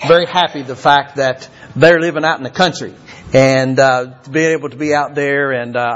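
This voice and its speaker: Older preacher, muffled recording. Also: male voice, a little high, fairly bright tone. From Kentucky. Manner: halting, repeats words with many fillers. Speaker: visiting preacher. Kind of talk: sermon.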